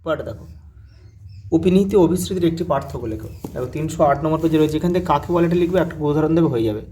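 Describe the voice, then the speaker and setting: A man's voice: fairly high pitch, expressive, very fast, mellow, breathy edge. Man teacher going through exam answers. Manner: repeats "look" and "next one", spells words out syllable by syllable.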